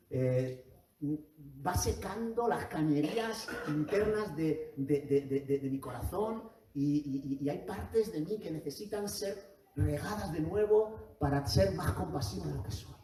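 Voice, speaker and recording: Impassioned preacher in echoey church. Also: male voice, on the high side, expressive, measured pace, mellow, distant mic, slight background noise. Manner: impassioned, rhetorical questions, stutters on repeated words. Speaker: pastor. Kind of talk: sermon. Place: church hall.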